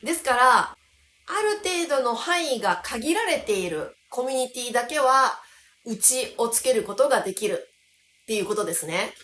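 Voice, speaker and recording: A woman from the Kansai region of Japan, a language teacher giving an explanatory lesson and slowing down to stress key words. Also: on the high side, animated, fairly bright tone, a little hiss or hum. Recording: roomy echo.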